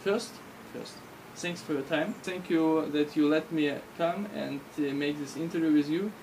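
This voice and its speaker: A young man whose first language is Russian, asking interview questions in simple, halting English. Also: on the high side, steady tone, far from the mic, low-quality recording. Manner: halting, simple phrasing with restarts. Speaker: interviewer and vlog host. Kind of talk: casual interview. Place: outdoor porch in a tropical garden. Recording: loud outdoor noise on a camera recording.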